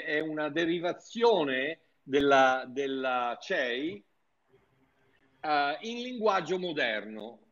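A man's voice: a little high, fairly bright tone. A man preaching in an informal, fervent teaching style, talking to his listeners like friends and often restarting his sentences. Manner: fervent, chatty, with frequent restarts. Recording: dull lo-fi sound.

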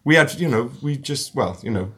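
Lively husky man. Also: medium pitch, a little fast. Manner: animated storyteller, laughs often, does voices in anecdotes. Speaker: podcast co-host and record shop worker. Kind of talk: casual banter.

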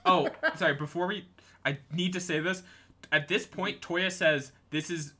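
Bright-voiced joking man co-host. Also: a little high, fairly even intonation, a little slow, a little hiss or hum. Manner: laid-back, joking, rambling. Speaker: podcast co-host. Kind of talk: casual anime recap chat.

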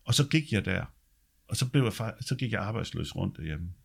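A man with a deep, gravelly, slightly rough bass recounts his life story in a relaxed, chatty manner. His intonation is lively, he swears occasionally, and he caps his sentences with quick check-ins.

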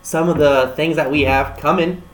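A man co-hosting a casual music news chat with a friend, animated and quick to laugh. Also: on the high side.

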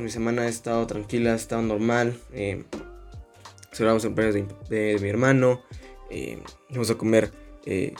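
A man's voice: medium pitch, a little mellow. A young man hosting a podcast as a rambling, self-mocking casual monologue full of crude slang. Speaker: podcast host.

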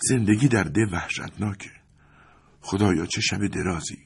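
A man's voice: low voice, vocal fry, husky, heavily acted. A man voicing a restless, scornful young educated wife who complains coldly. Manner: cold, complaining.

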